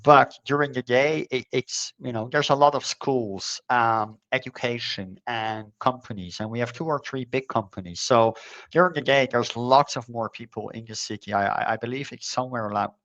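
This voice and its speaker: A middle-aged man born in the Netherlands, chatting as an interview guest, with a halting way of talking full of fillers and repeated words. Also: mid-range voice, a bit bright, no echo, highs cut off. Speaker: conference co-organizer, guest. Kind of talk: casual conversational interview.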